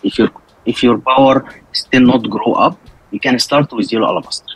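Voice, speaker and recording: An Egyptian skull carver, whose first language is Arabic, tells his story in an interview using simple non-native English with an Egyptian accent, often repeating phrases. His mid-range voice is slightly rough at normal speed, and the recording is rough too.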